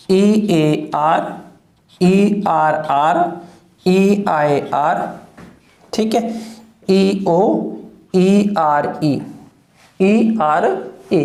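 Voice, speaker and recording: Very slow, deliberate phonetics teacher. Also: mid-range voice, mellow, roomy sound. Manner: drills each word slowly, repeating it and contrasting right and wrong pronunciation. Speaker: English teacher. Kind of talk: phonetics lesson.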